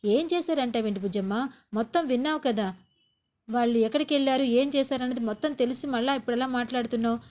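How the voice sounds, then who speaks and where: A woman's voice: fairly high pitch, quick pace, darkish tone, close to an everyday voice. Woman reading a stern angry father-in-law. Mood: scolding. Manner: scolding, lecturing.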